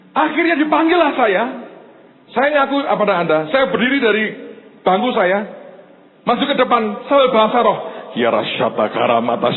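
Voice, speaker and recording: A male pastor, preaching in an animated storytelling way, acting out the people in his stories and often turning to the congregation. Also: very high-pitched. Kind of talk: sermon storytelling. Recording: tinny phone-like sound with faint noise.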